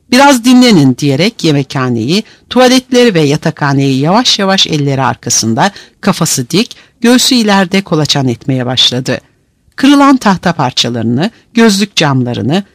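A man's voice: on the high side, no room sound. A man narrating a novel aloud in a vivid, dramatic reading style.

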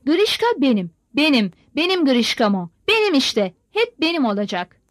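A woman's voice: sits high, big pitch swings, measured pace, dry recording. Woman voicing a fiery defiant village woman. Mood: furious defiant. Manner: furious shouting tirade, insulting.

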